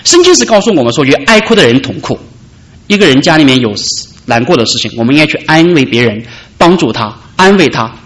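A man preaching a sermon, calling out loudly at high points and dropping soft in between. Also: very animated, fast talker. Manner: preaching with dramatic rises and soft drops. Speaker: pastor.

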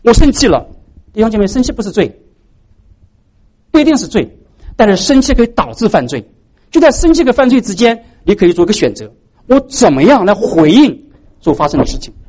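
Male pastor, fairly high, animated sermon voice full of rhetorical questions. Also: fairly quick, pauses often. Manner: preaching with many rhetorical questions to the congregation.

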